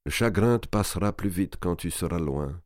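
A man reading aloud, voicing a shrewd, fatherly old banker who speaks slowly and calmly. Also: low voice, dry recording, studio quality. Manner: slow, measured, calm.

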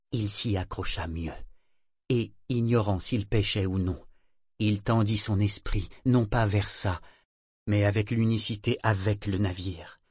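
A man narrates an audiobook in a steady, measured way. His voice sits low. The sound is close and dry, with no room around it. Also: husky, dry recording.

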